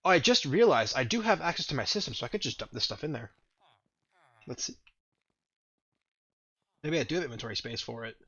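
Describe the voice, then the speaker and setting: A man's voice: medium pitch, expressive, brisk, pauses often, pushed and bright, husky, muffled recording. A man casually commenting on his own gameplay, thinking aloud and rambling, with a groggy morning voice. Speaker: gaming video host. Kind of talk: casual let's-play commentary.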